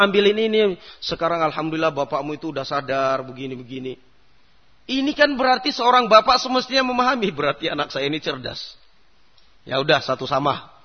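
A man preaches a sermon in a mosque, his voice sitting high and turning animated as he acts out the scolding parents and stubborn children in his stories. The recording is dull and lo-fi. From Indonesia.

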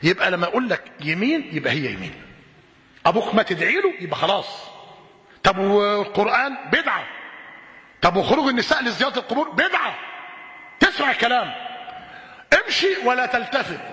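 An Egyptian preacher delivering a sermon in a lively, swooping voice, pitched high for a man. He tells his stories with animated rhetorical questions. The sound rings out through a roomy hall with a long echo. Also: fairly quick, long pauses. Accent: Egyptian Arabic. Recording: echoey hall with long reverb.

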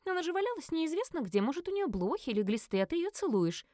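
A woman's voice: high voice, sing-song, fast talker, warm tone, no room sound, clean studio sound, voice pushed up. A woman voicing a squeamish, fussy teenage daughter in an audiobook, with a mocking manner.

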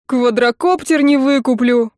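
Woman doing a yelling, whiny teenage brother. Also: on the high side, moderate pace, no room sound, clean studio sound, lightly acted. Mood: shouting. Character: sulky, quarrelsome teenage brother.

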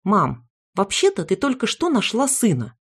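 A sulky teenage girl from an audiobook, snapping back in a sharp, resentful tone, as a woman reader voices her. Her lines come out grumbling and defensive. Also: medium pitch, huge pitch swings, moderate pace, slightly rough, voice pushed up, heavily acted. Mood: snappish.

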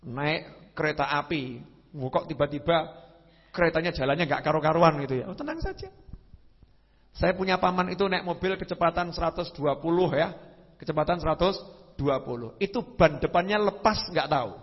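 Lively preacher with a husky voice. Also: male voice, normal speed. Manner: animated storytelling with sudden pitch leaps and sound effects. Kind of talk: religious lecture. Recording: lo-fi hall recording with long reverb.

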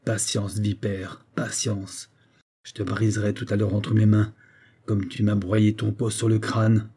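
A man voicing a brutal, mocking soldier with a loud, jeering delivery in an audiobook reading. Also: lowish voice, completely flat delivery, normal speed, vocal fry, husky. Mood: menacing low. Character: brutal hulking male grenadier, mocking and quarrelsome.

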